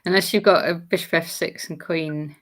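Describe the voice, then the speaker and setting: A woman co-commentating a chess game in a casual way, chiming in with short quick remarks about moves. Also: lowish voice, steady tone.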